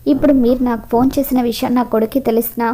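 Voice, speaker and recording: A woman reading the lines of a worried, protective middle-aged mother in a flat way. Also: on the high side, quick pace, natural voice.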